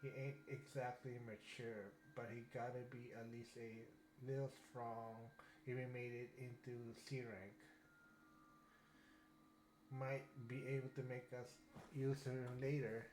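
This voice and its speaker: A man's voice: medium pitch, little pitch movement, a little slow, darkish tone, slight background noise, lightly acted. A man reading aloud the lines of a cool, calculating young man in a game, in an offhand way. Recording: echoey room, faint game music.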